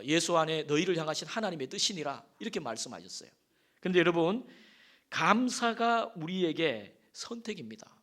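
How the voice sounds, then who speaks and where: Korean pastor preaching with rising emphasis. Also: male voice, a little high, a bit bright. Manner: emphatic preaching with swells in volume and rhetorical questions to the congregation; folksy storytelling with asides and affirming "yes". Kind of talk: sermon. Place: church sanctuary.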